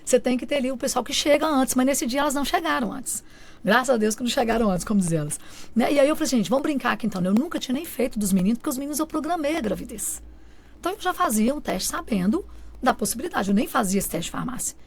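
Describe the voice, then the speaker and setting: High, quick and creaky, this woman's voice carries an emotional personal testimony on a radio program, where she is a studio guest. She tells it with animation, frequently acting out what family members and friends said to her.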